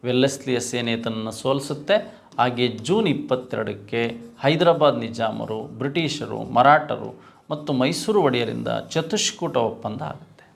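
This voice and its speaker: A man with a Karnataka Kannada accent lectures like an exam coach, going over quiz questions in a didactic way, repeating key points and asking rhetorical questions. His voice sits in the mid range with some vocal fry, and he talks at a normal speed.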